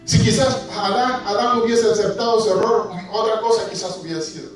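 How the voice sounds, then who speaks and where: Male preacher, high voice, distant mic in a very echoey church, soft music beneath. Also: steady tone, brisk. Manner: asks the congregation questions, dramatizes scripture. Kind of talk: sermon. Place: church hall. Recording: echoey church hall from far off.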